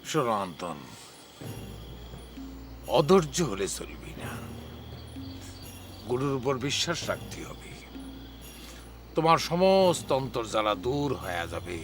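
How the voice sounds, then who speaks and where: A village guru, soothing and preachy, lively pitch. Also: male voice, takes it slowly, long pauses, faint music behind. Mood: sermonizing. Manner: soothing, sermonizing. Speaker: spiritual guru. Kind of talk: television drama acting.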